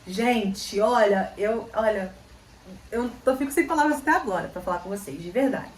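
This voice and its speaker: A woman's voice: mid-range voice, animated, moderate pace, slight background noise. A young woman vlogger from Brazil, chatting casually and telling a story, repeating phrases for emphasis. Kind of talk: casual chat. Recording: roomy, slightly distant, faint ambience.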